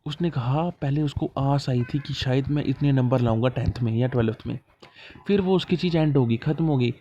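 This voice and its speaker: This male exam coach has a mid-range, dark-toned voice and talks at a moderate pace, with dull-sounding audio. He chats his way through idioms in a relaxed classroom manner, breaking things down step by step, answering his own questions, and performing short dialogues.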